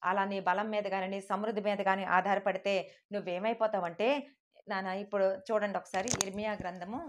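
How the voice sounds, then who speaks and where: A woman preaching a sermon with fervent, rapid delivery, acting out God's voice and the pleas of believers. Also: medium pitch, little pitch movement.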